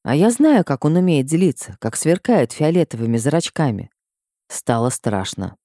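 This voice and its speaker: Woman audiobook narrator, expressive first-person reading, lively pitch, mellow tone, dry close mic. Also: normal speed, no echo.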